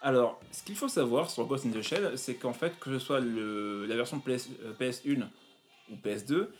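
A man presenting retro video games in a casual chat, pausing often with fillers. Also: mid-range voice. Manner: hesitant, many fillers. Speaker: game presenter.

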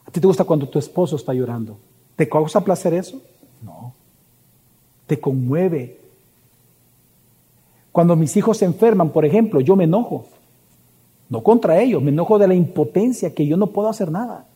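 A man preaches a sermon, pressing his listeners with question after question. His voice sits high yet sounds mellow and husky, trailing a long reverb as if filling a large church hall. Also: lively intonation, moderate pace, pauses often. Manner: preaching with rhetorical questions to the congregation. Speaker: pastor.

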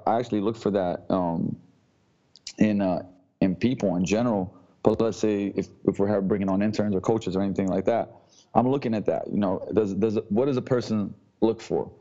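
A man from Slovenia, a gym owner speaking as a podcast guest in a halting way, often repeating words before going on. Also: lowish voice, mellow. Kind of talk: casual interview talk. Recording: dull lo-fi audio.

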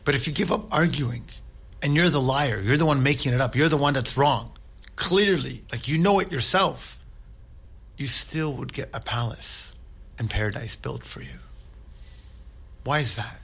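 A man's voice: medium pitch, expressive, moderate pace, gravelly, long pauses, a bit bright, breathy edge. A man giving an informal religious talk, earnest and conversational, who often checks in with his listeners. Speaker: Islamic speaker.

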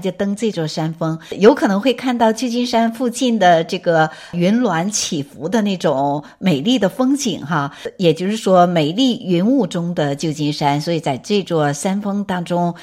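Female radio host, engaged, lowish voice, chatty interview style. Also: darkish tone. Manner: engaged, frequent listening responses.

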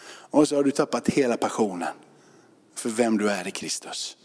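A man's voice: lowish voice, expressive, darkish tone, slightly rough. A male pastor giving a sermon in an informal, conversational way, with loose fillers and repeated words. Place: church sanctuary. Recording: reverberant church hall.

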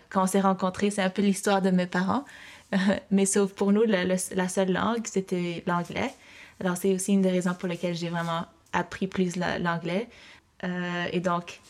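A young woman from Mexico reflects in an interview, her voice low-pitched and gravelly with a flat, even delivery. She pauses often and restarts her sentences as she thinks out loud. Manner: hesitant, many fillers and restarts.

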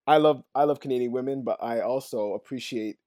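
A man chatting on a casual podcast, relaxed and joking, with many "you know" fillers. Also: medium pitch, fairly quick, no echo, clean studio sound.

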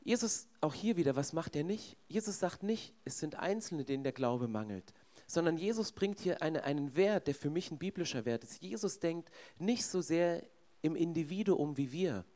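A man's voice: on the high side, expressive, normal speed, mellow. Conversational preacher addressing his congregation. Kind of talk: sermon.

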